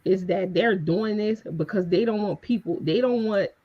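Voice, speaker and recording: A man's voice: high-pitched, moderate pace, dull audio. A man co-hosting a casual panel discussion, emphatic and conversational, often checking in with listeners. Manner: emphatic, conversational, asks "you know what I'm saying". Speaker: podcast co-host.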